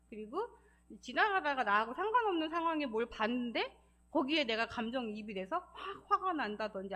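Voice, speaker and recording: A woman giving a church lesson, lively and encouraging, acting out quoted feelings in changing voices. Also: high voice. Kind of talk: Sabbath school talk.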